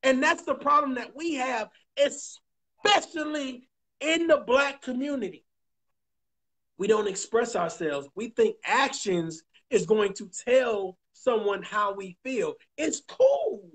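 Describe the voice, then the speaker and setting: A man's voice: very high voice, lively intonation, fairly bright tone. Emphatic preachy man hosting a talk show. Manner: emphatic, preachy, swears, repeats points slowly. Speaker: podcast host.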